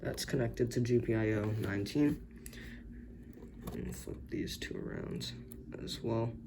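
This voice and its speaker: Speaking a little slowly in a gravelly, medium-pitched voice, a man tinkers with circuits and narrates his thoughts. He's hesitant and unsure, correcting himself many times. There's background noise from the camera's built-in mic recording.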